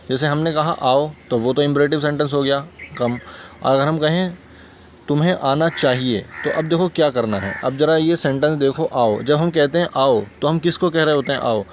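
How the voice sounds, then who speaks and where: A man with a Hindustani accent explains grammar in a steady, patient way, often pausing to check understanding. His voice sits at a middle pitch. A faint hum of background noise sits under the recording. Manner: patient, repeats examples, asks checking questions. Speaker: English teacher.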